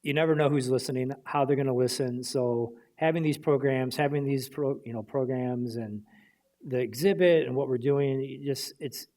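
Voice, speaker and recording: A man's voice: mid-range voice, a little mellow. A man telling a story on stage at a library panel, acting out the quotes as he goes.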